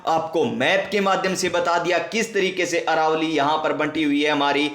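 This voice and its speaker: Guy teaching exam prep, keeps asking then answering himself, slightly high voice, roomy echo. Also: fairly even intonation, moderate pace, a bit bright. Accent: Rajasthani. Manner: asks and answers his own questions, repeats key facts. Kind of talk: exam-prep geography lesson.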